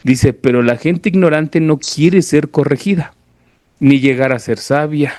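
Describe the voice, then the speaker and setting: His voice is fairly high and a little mellow, and he speaks a little slowly, preaching an informal sermon with Bible reading in a Mexican accent. He explains conversationally at the church service and often checks that listeners are keeping up. The recording is studio quality without echo.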